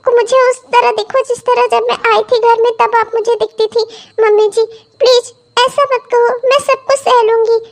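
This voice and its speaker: Brief: timid young cartoon bride, a woman voices her very high and pleading, devoted to her mother-in-law. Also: vocal fry. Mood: worried, pleading. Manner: pleading, apologetic. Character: meek young daughter-in-law, apologetic and devoted. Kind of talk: cartoon comedy voice acting.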